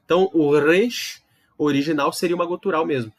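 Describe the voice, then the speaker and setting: A man with a slightly raised pitch talks students through an online language lesson. He explains patiently, sounds things out slowly and keeps asking if they follow. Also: steady tone. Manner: explains patiently with many tag questions and demonstrations. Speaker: Hebrew teacher.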